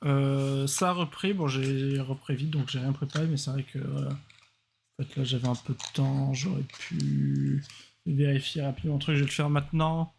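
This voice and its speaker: A man's voice: mid-range voice, level tone, normal speed, gravelly, darkish tone, a little hiss or hum. A tired, worn-out man streaming a video game, rambling casually and joking at his own expense. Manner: tired, rambling, self-deprecating. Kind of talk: casual let's play commentary, reading dialogue aloud.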